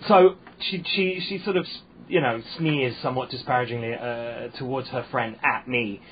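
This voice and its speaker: A man's voice: medium pitch, normal speed, slight background noise. A man with a posh English accent, a comedian chatting on a podcast, rambling and hesitant with frequent fillers. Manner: rambling, hesitant, self-deprecating. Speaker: comedian guest. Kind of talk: casual podcast interview. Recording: muffled lo-fi sound.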